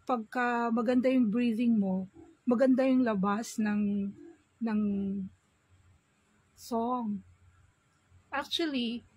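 Filipino lady vlogger, husky breathy voice, kinda high, talks real slow. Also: a little mellow, no room sound, low-quality recording. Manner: unhurried, mixing English and Tagalog. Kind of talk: casual vlog talk.

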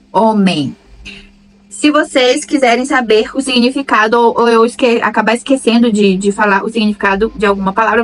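A Brazilian woman with a Brazilian Portuguese accent giving a basic Spanish lesson, speaking slowly and repeating each word twice. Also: on the high side, rough recording. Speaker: Spanish teacher. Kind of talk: slow basic language lesson.

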